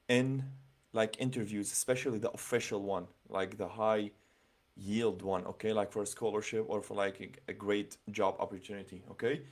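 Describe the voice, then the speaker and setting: Chatty man reading comments on a livestream. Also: medium pitch. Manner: chatty, many fillers, reads comments aloud and reacts. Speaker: livestream host giving scholarship interview advice. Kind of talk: casual livestream talk reading viewer comments.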